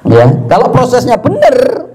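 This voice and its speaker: A young man delivers a sermon in a high, lively voice. His pitch leaps around as he fires off rhetorical questions and acts out short family exchanges. The whole delivery stays animated and expressive. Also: unhurried, slight background noise, low-quality recording. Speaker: Islamic preacher.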